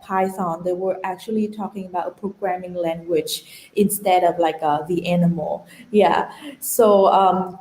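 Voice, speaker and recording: A young woman from rural Vietnam, a conference speaker who organizes a women-in-tech community, gives an informal talk full of personal stories and casual "like"s. Her medium-pitched voice is mellow. She speaks from an indoor room over an online conference call, which sounds roomy and echoey.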